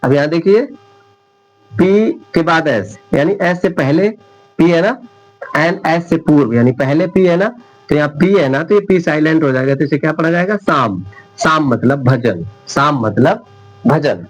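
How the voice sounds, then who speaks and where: A man teaching English spelling rules at a whiteboard, repeating each example word slowly and often checking whether his viewers understand. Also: a little high, rough recording. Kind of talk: whiteboard classroom lesson.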